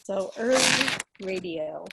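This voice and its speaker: Through a computer mic on a very noisy home video call, an American woman in her thirties runs a quiz as meeting host, casual and playful as a pretend schoolteacher. Her fairly low voice is creaky and expressive, and she takes her time.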